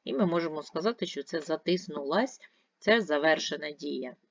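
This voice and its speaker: A woman's voice: low-pitched, expressive, normal speed, no room sound, highs cut off. A woman teacher giving a video grammar lesson, patiently asking and answering her own questions step by step. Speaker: primary school teacher.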